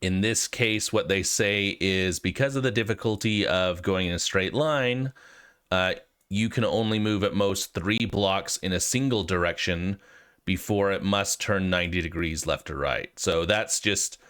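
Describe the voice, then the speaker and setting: Speaking at a measured pace, this American man has a low-sitting, slightly bright voice with a clean tone. He's hosting a programming tutorial while nursing a cold, keeping it casual and informal and hesitating as he thinks out loud.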